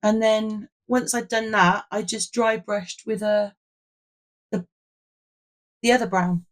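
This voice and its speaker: A British woman hosting a casual, chatty craft vlog with a hoarse, croaky frog voice, as if she has nearly lost it. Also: mid-range voice, fairly even intonation, takes it slowly. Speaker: host of a craft video.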